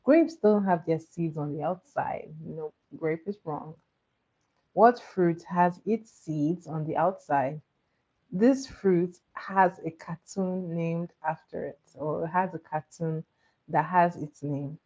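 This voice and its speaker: Sleepy lady hosting a trivia stream, slow and low, kinda dull lo-fi audio. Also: warm tone. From Nigeria. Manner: repeats each question patiently, chats with viewers. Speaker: livestream quiz host. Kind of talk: casual live-stream trivia.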